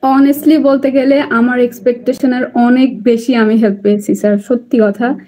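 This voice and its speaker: A young woman from Bangladesh, a student applicant, chatting excitedly on a video call and slipping English phrases into her talk. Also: on the high side, normal speed. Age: young adult. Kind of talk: casual online interview.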